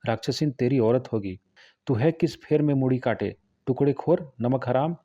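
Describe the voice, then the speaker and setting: A man voicing a fierce, sharp-tongued middle-aged village wife who scolds cuttingly, read in his own voice for an audiobook. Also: mid-range voice, moderate pace, dull audio, natural voice. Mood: scolding.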